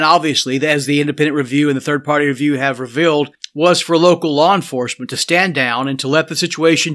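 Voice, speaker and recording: A man's voice: fairly high pitch, bright, forceful tone. A man delivering a scripted political commentary monologue, speaking earnestly and addressing the listener directly.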